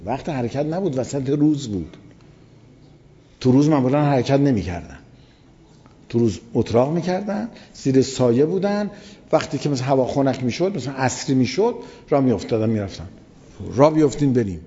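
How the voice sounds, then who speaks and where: A man's voice: mid-range voice, lively intonation, mellow, breathy edge. A man preaching, retelling an old story in casual speech and repeating words for emphasis. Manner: vivid retelling with emphatic repetition. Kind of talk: colloquial religious storytelling lecture. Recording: long hall reverb, dull lo-fi sound.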